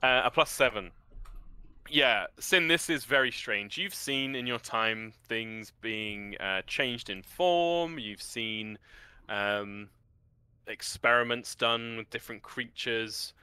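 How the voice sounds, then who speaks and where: A man narrating a tabletop game as game master, descriptive and halting as he searches for words. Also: medium pitch, sharp tone, clean tone, no echo.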